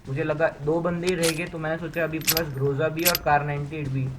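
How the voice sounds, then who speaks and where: A young man giving a casual, excited and self-mocking voice-over of his own gameplay, telling the match as a joking story. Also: on the high side, fairly quick, background noise. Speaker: gamer narrating his match. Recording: voice-over with clear game gunfire behind.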